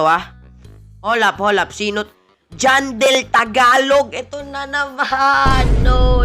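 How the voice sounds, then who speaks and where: A woman giving excited gameplay commentary, mixing Tagalog and English and shouting "yo" often. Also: fairly high pitch. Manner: excitable, mixes Tagalog and English, frequent "yo" exclamations. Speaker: gaming channel host.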